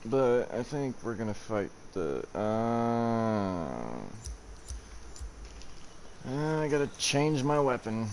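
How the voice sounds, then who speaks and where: A man's voice: medium pitch, sing-song, very slow, long pauses, darkish tone, a little hiss or hum. A man streaming a video game, chatting casually with profane banter. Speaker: gaming streamer. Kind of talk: casual gameplay chat.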